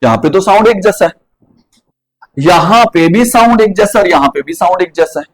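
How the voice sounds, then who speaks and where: A man's voice: high-pitched, animated, normal speed, low-quality recording. A man with a Rajasthani Hindi accent teaching a class. He keeps asking students questions and drills their pronunciation.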